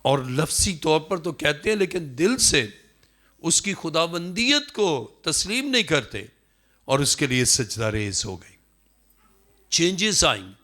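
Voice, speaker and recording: Man, Pakistani Urdu accent, pastor preaching, bright forceful voice, fairly high pitch. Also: very animated. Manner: emphatic preaching, acting out quotes with swings in pitch. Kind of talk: sermon.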